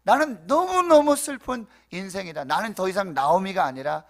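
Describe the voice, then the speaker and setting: A man's voice: high voice, expressive, moderate pace, fairly bright tone, voice pushed up. A man preaching acts out a grieving, bitter older widow who laments each of her sorrows in turn. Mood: lamenting.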